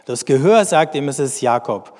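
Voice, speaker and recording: A man with a mid-pitched voice reads scripture with slow deliberation. Between passages he explains the text in measured commentary. His voice trails into a long reverb, as in a large hall. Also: lively intonation, a little mellow. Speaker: bible teacher.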